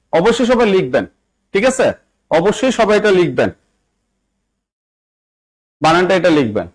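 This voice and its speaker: This young Bangladeshi English teacher, who prepares people for job exams, runs a live online spelling lesson in a rough recording. His voice is fairly high, and he repeats things often, gently coaxing and repeatedly checking that everyone keeps up.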